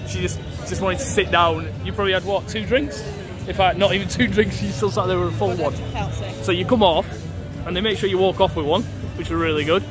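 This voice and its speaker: A man's voice: high-pitched, fairly even intonation, fairly quick. A man with a faded Yorkshire accent, talking in a tipsy, rambling, chatty way for a casual vlog. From Yorkshire, England. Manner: chatty, rambling, laughs often. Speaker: travel vlogger. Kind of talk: casual walk-and-talk vlog. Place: busy outdoor pedestrian street at night. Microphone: handheld phone. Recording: loud music and crowd noise behind.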